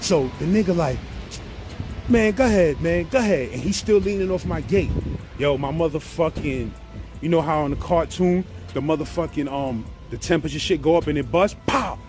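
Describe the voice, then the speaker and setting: New York man, raised-pitch voice, loose and profane storyteller, music bed underneath. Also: fairly quick. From Brownsville, Brooklyn, New York. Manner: profane, animated, keeps asking "you feel me". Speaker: guest telling prison stories. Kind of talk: casual storytelling.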